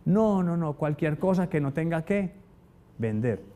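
A man's voice: a little high, unhurried. A man teaching a motivational sales lesson to an audience, telling stories and asking rhetorical questions. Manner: animated storyteller, asks rhetorical questions. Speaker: sales trainer.

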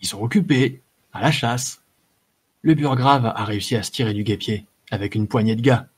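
A man voicing a gruff, sneering old warrior. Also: mid-range voice, moderate pace, natural voice. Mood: urgent. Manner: sneering, blunt soldier's slang. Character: gruff old male warrior, mocking and impatient. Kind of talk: audiobook character voice.

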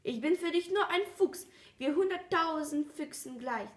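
A woman voicing a gentle, curious male fox in a storybook reading, earnest and coaxing, recorded with a roomy echo. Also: high voice, animated, moderate pace, voice pushed up. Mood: wistful.

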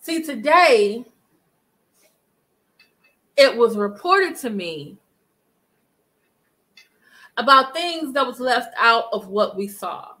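A woman's voice: on the high side, expressive, slow pace, long pauses, bright, forceful tone, rough recording. A middle-aged woman hosting a casual live commentary stream from her living room, talking emphatically and greeting chat viewers. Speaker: livestream commentary host. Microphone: webcam at desk distance.

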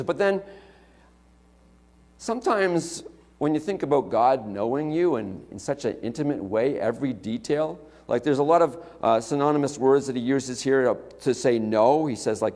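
A middle-aged man preaches a sermon in a large church sanctuary, speaking conversationally and checking in with listeners using "okay?" and "right?" His voice sits on the high side with a darkish tone, and the hall adds a long reverb.

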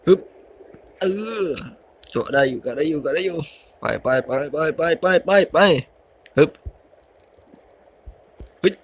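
A man's voice: fairly high pitch, slow, long pauses, slight background noise. A young man giving casual let's-play commentary, muttering, grunting and exclaiming as he plays. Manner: mutters and grunts while playing, exclaims at mistakes. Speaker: gaming YouTuber.

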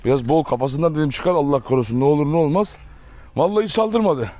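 A man's voice: on the high side, quick pace, mellow. A young man talking casually to his viewers as a dog owner, chatty and direct, breaking off for short firm commands to his dogs outdoors. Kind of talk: casual talk to viewers while handling dogs.

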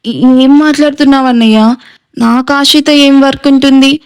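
A woman's voice: sits high, fairly even intonation, normal speed. A woman voicing an anxious young man who pleads hesitantly with his older brother. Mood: frightened.

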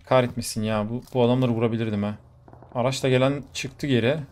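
A young man commentating his own gameplay live, excitable and quick to exclaim and swear in the middle of fights. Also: medium pitch. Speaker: gaming YouTuber. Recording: faint game noise behind. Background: gunfire from the game.

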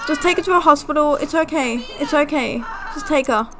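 A woman's voice: high-pitched, fairly quick, fairly bright tone, soft background music. A woman voicing a flustered male alien in a life-sim game, frantic and stammering. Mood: panicked.

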